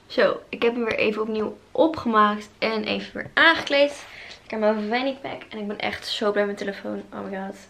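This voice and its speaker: A young woman chatting casually in a vlog from her bedroom, gushing and excited, talking to a handheld camera. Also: medium pitch, brisk, vocal fry, a little hiss or hum. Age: young adult. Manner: excitable, gushing, exclaims often. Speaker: vlogger. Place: bedroom at home. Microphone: handheld camera at arm's length.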